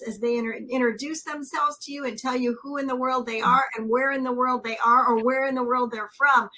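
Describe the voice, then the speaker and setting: A woman's voice: high-pitched, bright, forceful tone, low-quality recording. A woman hosting a talk show, speaking in an exuberant, emphatic way as she welcomes and interviews guests.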